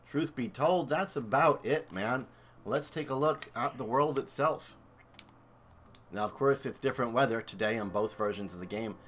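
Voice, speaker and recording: A man's voice: on the low side, fairly bright tone, slight background noise. A man streaming and commentating a video game comparison in a chatty, enthusiastic way. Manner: chatty, enthusiastic, thinks aloud. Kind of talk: casual gameplay commentary.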